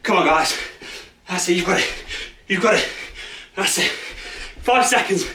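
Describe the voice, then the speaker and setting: A man's voice: high voice, measured pace, pushed and bright, a little hiss or hum. A man, out of breath, coaching a follow-along home workout with urgent encouragement and countdowns. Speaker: fitness instructor. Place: small space at home. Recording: echoey room, far from mic.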